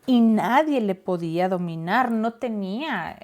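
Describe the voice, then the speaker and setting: A woman's voice: mid-range voice, expressive, a little slow, darkish tone. A woman co-hosting a casual Bible discussion, reading verses aloud and explaining them. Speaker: Bible study co-host.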